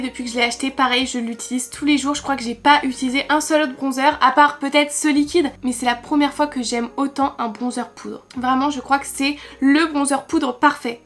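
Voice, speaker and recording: A woman's voice: high-pitched, fairly bright tone. A young woman from France reviewing makeup in a chatty, enthusiastic vlog, talking straight to her viewers. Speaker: beauty vlogger.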